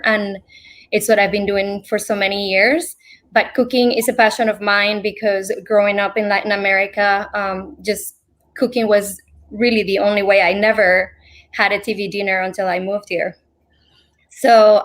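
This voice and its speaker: A woman from Venezuela, a food blogger introducing herself in a steady, composed way. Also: medium pitch. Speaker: food blogger and personal chef. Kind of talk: self-introduction on a panel.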